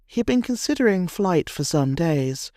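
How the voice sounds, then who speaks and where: A man narrating a history documentary from a script, in a measured, dramatic storytelling cadence. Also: fairly high pitch, big pitch swings, dark tone, no echo, clean studio sound.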